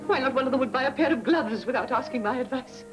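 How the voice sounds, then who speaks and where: An actress playing a tired older couture house owner, speaking with weary, wistful regal dignity in a 1950s film. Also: female voice, sits high, quick pace, lightly acted, poor audio. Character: tired aging couturière, proud and lonely. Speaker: aging fashion house owner. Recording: old film soundtrack with music.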